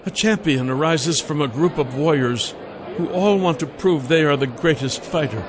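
A man's voice: a little high, normal speed, crowd noise, pitched above the performer's own voice, natural voice. A man voicing a poised, teasing young noblewoman ruler who speaks in a lofty, coaxing way.

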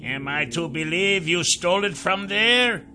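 Man voicing sly captor, high bright mocking tone, storybook villain. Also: animated, a little slow, soft background music, full character voice. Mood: scheming. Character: sly scheming male captor, the Jackal.

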